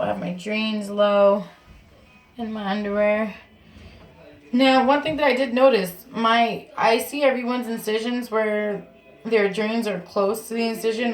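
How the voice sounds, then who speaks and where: A woman vlogger chats casually and informally to the camera from her bathroom at home, explaining things in a friendly way. Her voice is a little high, and the audio quality is poor.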